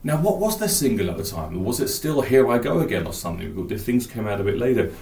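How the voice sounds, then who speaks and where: A man's voice: lowish voice, sing-song, quick pace, vocal fry, darkish tone, echoey room, a little hiss or hum. A man hosting a podcast, rambling enthusiastically about an album and thinking aloud. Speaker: podcast host. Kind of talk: casual album talk.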